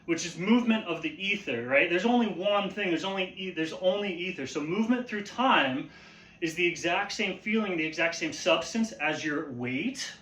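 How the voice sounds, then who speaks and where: A martial arts teacher gives an informal lesson, halting and repeating phrases while often checking in with a questioning tag. His high-pitched, slightly bright voice has lively intonation, and the room sounds echoey.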